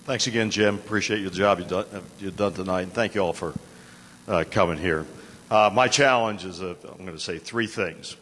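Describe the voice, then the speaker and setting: A man's voice: low voice, moderate pace, a bit bright, slight background noise. An older man giving a debate closing statement on a handheld mic, folksy and emphatic, with frequent "uh" fillers. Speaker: state legislator candidate. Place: large indoor community hall. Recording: long hall reverb.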